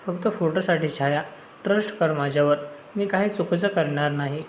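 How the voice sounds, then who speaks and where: Man reads gentle young suitor in audio story, soft coaxing voice, fairly high pitch, roomy sound. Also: normal speed, a little hiss or hum, natural voice. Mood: tender. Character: gentle young man, tender friend and photographer.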